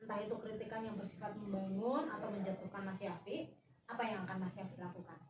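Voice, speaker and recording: A woman's voice: mid-range voice, fairly even intonation, quick pace. A woman playing a school counselor, patiently explaining things step by step with examples. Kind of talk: acted counseling role-play. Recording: echoey room, far mic, noisy.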